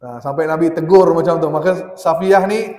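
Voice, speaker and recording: A man's voice: fairly high pitch, moderate pace, dark tone. A man giving a mosque study lecture, asking the audience questions and answering them himself, acting out quoted lines as he tells the story. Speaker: religious teacher. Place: mosque hall. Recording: echoey mosque hall with long reverb.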